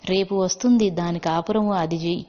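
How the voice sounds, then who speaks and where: A woman's voice: on the low side, fairly even intonation, moderate pace, mellow, close to an everyday voice. A woman voicing a loving, worried old great-grandmother over 60, speaking in an earnest, coaxing way in a storybook reading. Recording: dull lo-fi with long reverb.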